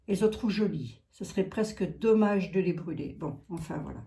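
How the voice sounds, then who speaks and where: Woman, Lorraine accent, low pitch, mellow tone, chatty folksy psychic talking to viewers. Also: expressive, moderate pace, vocal fry. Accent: Lorraine French. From Lorraine, eastern France. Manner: chatty, folksy, peppers talk with "hein". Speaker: psychic card reader. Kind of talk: casual chat to viewers.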